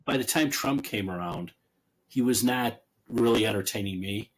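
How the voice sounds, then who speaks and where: A man's voice: fairly low pitch, moderate pace. A man being interviewed as an author, talking in a chatty, loose way, often laughing and restarting his sentences. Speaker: author guest. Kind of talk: casual conversational interview.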